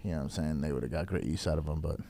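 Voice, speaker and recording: A man in his thirties, a company chief on a podcast, joking in a deadpan way with drawn-out pauses. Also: very deep voice, slight background noise. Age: 30s. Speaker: podcast guest, company CEO. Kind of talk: casual podcast chat.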